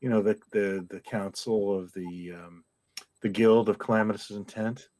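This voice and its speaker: Low-voiced halting male guest. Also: fairly even intonation, darkish tone, no room sound. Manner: halting, searching for words. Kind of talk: casual live-stream chat.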